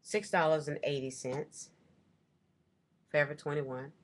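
Low-voiced woman chatting through a shopping haul. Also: steady tone, unhurried. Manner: chatty, rambling, corrects herself often. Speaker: vlogger. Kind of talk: casual shopping haul show-and-tell. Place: small room at home, indoors. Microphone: webcam at desk.

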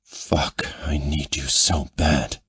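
Domineering, impatient man in a romance audiobook, growling commands, very deep and husky , voiced by the male narrator. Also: fairly even intonation, measured pace, dry recording, exaggerated voice. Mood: urgent.

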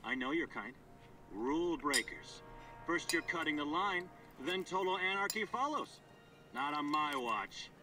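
A man's voice: fairly high pitch, animated, measured pace, pushed and bright, far from the mic, exaggerated voice. An actor playing a stern, suspicious male camp gatekeeper who lectures about rules and waiting in line.

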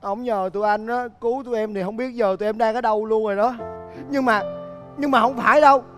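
Excitable young local, very high voice, rambling and scolding. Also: male voice, fast, soft background music. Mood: indignant. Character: excitable young local man, rescued from a storm. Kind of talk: TV comedy skit.

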